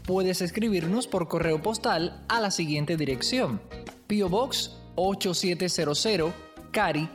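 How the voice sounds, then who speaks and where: A woman announcing a radio program in a calm, formal scripted manner. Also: fairly low pitch, unhurried, soft background music.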